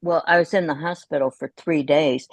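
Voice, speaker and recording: A middle-aged woman talks as a guest on a video call, with a low voice and a dry, close sound. She tells her stories in a chatty way and laughs often. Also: fairly even intonation, moderate pace, no room sound. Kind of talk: casual chat.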